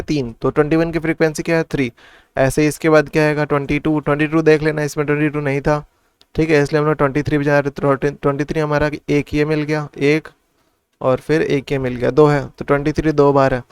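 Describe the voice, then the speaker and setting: Maths tutor, male, slightly high crisp voice, talks through sums in Hindi-English, dry close recording. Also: no echo. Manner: asks and answers his own questions. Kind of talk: casual classroom explanation.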